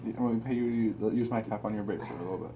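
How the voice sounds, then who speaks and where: A man's voice: lowish voice, steady tone, very fast, warm tone, a little hiss or hum. A young adult man in casual, off-the-cuff conversation.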